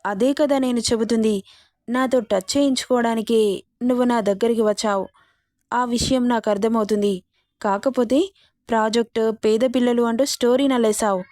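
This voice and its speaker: A woman's voice: a little high, steady tone, normal speed, warm tone, lightly acted. An arrogant young rich man, taunting and menacing with a harsh edge, as a woman storyteller puts him on. The voice is recorded dry and close, with no room echo. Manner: taunting, threatening.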